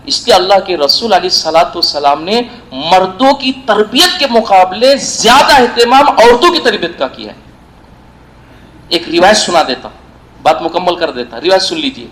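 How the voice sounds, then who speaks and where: Emphatic high-voiced preacher with Indian Urdu accent. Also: male voice, lively intonation, fairly bright tone, poor audio. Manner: emphatic storytelling, repeats phrases for stress. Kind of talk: evening sermon at a weekly gathering. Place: mosque centre.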